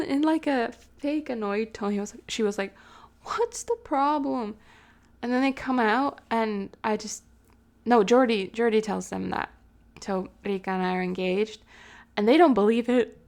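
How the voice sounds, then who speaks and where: A young woman vlogger telling a personal story in a chatty, animated way, swearing and laughing often. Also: fairly high pitch, normal speed. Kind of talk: casual storytelling.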